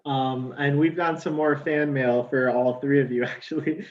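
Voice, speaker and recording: A man moderating a panel, reading viewer messages in a relaxed, chuckling way. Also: medium pitch, normal speed, dull audio.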